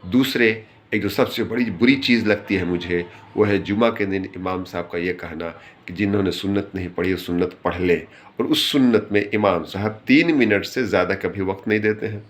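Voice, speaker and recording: A man with a very deep, low voice talks informally about religious practice. He explains each point earnestly and repeats phrases to stress them. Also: moderate pace, few pauses. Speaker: speaker giving religious advice. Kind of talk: informal religious talk to camera.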